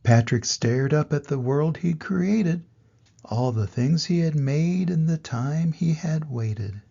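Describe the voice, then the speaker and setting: An older man, a grandfather, reading a children's story aloud in an expressive grandpa voice to little children. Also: a little high, takes it slowly, vocal fry, highs cut off.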